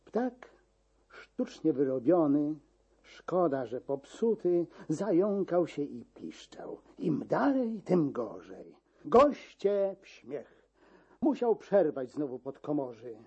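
A man narrates epic verse in a slow, expressive way. His voice is high yet dark and husky, and it swings widely. The recording is dull and lo-fi.

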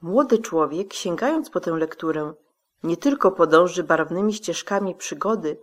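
Female radio host, formal and measured, reading a prepared script in a lowish voice. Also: lively intonation. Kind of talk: scripted presentation.

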